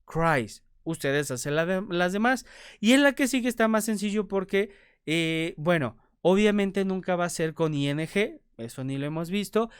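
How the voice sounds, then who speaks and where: A man's voice: high-pitched, expressive, normal speed, smooth, no echo, clean studio sound. A man teaching an English grammar lesson in a video, patiently posing questions aloud and answering them himself, checking in often with the students. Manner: repeats points, checks understanding with "ok?".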